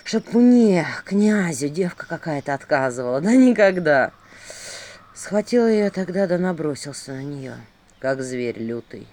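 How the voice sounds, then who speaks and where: A brooding, heavy-hearted fairy-tale prince, voiced by a woman reading the tale. He speaks low and slowly, and his tone swings widely between quiet sorrow and sudden outbursts. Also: expressive. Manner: slow, low, heavy storytelling voice.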